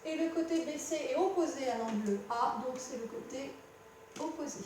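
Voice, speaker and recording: A woman's voice: sits high, moderate pace, recorded from a distance. A woman math teacher patiently explaining a lesson at the board, speaking directly to the student and correcting herself as she goes. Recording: very echoey room with faint hum.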